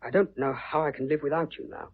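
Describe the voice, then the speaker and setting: Guy doing a flustered businessman in love, gruff but tender, husky, lo-fi radio play sound. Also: a little high, steady tone, quick pace. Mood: earnest. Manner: blustering, awkward, gruffly tender. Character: earnest young English businessman in love. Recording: dull lo-fi recording.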